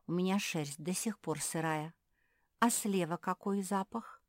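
A woman's voice: fairly low pitch, unhurried, no room sound, studio quality, natural voice. A woman voicing a fussy, complaining female animal with damp fur in a children's audiobook.

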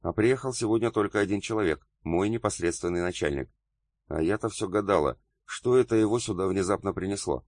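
Audiobook: male reader doing a composed young woman lawyer, even, flat, low, dry. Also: a little fast, no echo. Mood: level. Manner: level, flat.

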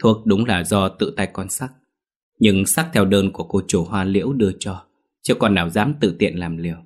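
Polite young wife defending herself in a storybook, deep husky tone, voiced by a man. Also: normal speed. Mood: pleading. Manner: polite, deferential pleading. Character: young wife, clever and polite under suspicion.

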